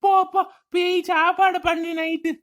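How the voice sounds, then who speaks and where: A blunt, teasing village husband in a cartoon, voiced by a woman. His voice is pitched far higher than a grown man's would be, and he talks in a plain, dismissive way. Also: flat delivery, normal speed, noisy background. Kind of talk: cartoon voice acting.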